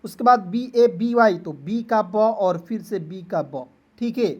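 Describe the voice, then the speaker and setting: A woman teaching beginners to read English, spelling each word letter by letter and drawing the sounds out slowly. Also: mid-range voice. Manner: spells words letter by letter, then stretches them out slowly; repetitive, checks in with "clear?" and "okay". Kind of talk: phonics lesson for beginners.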